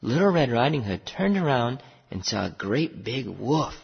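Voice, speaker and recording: This is scripted fairy-tale narration aimed at English learners, delivered by an expressive storyteller who takes deliberate care with phrasing. Husky, creaky tones rise and fall widely in pitch, heard through a muffled recording drenched in long reverb.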